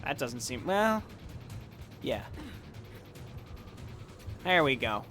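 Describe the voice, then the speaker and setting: A man's voice: mid-range voice, sing-song, drawn-out words, a bit bright, soft background music. A man chatting casually with viewers as he streams a game, swearing now and then. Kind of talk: casual live-stream commentary.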